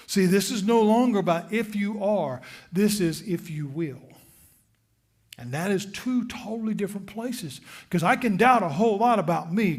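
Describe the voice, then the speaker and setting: A husky-voiced male pastor delivering a church sermon. His voice sits fairly high for a man, and he repeats phrases for emphasis. He swings from loud, pressing lines down to near-whispers. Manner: emphatic, repetitive, sudden drops to a hush.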